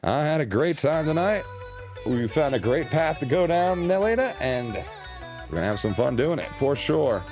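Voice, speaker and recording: A man's voice: fairly high pitch, very animated, moderate pace, darkish tone. A man streaming a story game, joking casually and reading the dialogue aloud. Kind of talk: casual let's-play commentary. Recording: game music faint behind.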